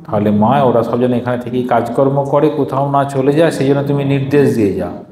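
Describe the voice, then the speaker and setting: A man's voice: medium pitch, brisk, mellow. A man, a monk, giving a devotional talk to a gathering: he reads formal passages aloud, then explains them in plain speech, asking questions and answering them himself. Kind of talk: devotional discourse with reading and explanation. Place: gathering hall before a live audience. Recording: echoey hall with faint background noise.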